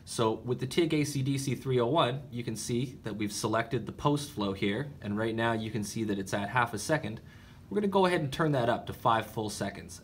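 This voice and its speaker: A man's voice: on the low side, slight background noise. A man teaching welding in a workshop, explaining each step plainly while he demonstrates. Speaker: welding instructor. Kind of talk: instructional demonstration.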